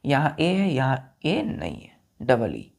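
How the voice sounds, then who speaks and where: A woman teaches a vocabulary lesson in a low, unhurried voice. She repeats words and spellings patiently and keeps asking her students whether it is clear. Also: wildly swooping pitch, darkish tone. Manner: slow, repetitive, checks understanding often.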